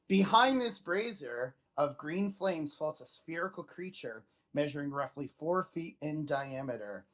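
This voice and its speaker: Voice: mid-range voice, animated, measured pace, a bit bright. A game master casually narrating a tabletop fantasy game and guiding the players.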